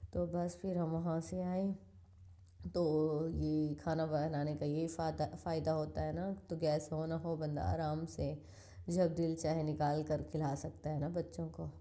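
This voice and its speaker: Woman, 30s, family vlogger voice-over, low and flat delivery, dark mellow timbre. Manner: soft, steady, conversational storytelling. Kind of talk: casual voice-over narration of home video.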